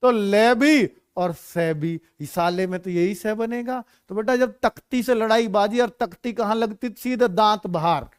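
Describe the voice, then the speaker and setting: A male teacher with a high, clear, resonant voice, teaching the Hindi alphabet in an online class. He talks in a playful way, telling small stories and mimicking children. The recording is close-miked and dry. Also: a little slow, few pauses, no echo. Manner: playful, uses silly stories and acts out children.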